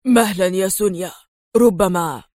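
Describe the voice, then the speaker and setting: A woman voicing a frightened male accomplice in an audiobook, with a hoarse, choked voice. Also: mid-range voice, normal speed, a little mellow, no echo, clean studio sound, natural voice. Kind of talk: audiobook character voice.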